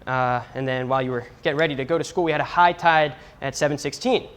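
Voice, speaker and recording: A man's voice: medium pitch, fast, fairly bright tone, smooth. A young man presenting the weather as a stand-in, in a goofy, self-mocking, mock-serious manner. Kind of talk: comic weather segment.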